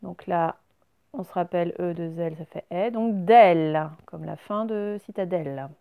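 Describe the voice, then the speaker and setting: A woman teaching a recorded reading lesson to young children. She explains each word slowly and clearly, step by step. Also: on the low side, dark tone, dry recording.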